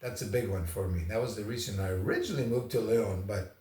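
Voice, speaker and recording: Recorded from a distance in an echoey room, an Argentine travel vlogger talks casually about his first impressions. He speaks in a fairly low, mellow voice at a quick pace, rambling and anecdotal.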